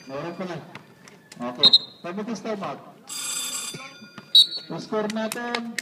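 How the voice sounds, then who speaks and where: A man's voice: high-pitched, expressive, slow. A man from the Visayas announcing an amateur basketball game, polite and joking with players and coaches. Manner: polite, joking, says sir and po. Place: indoor basketball court. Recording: echoey gym PA from far off. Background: loud crowd and game noise.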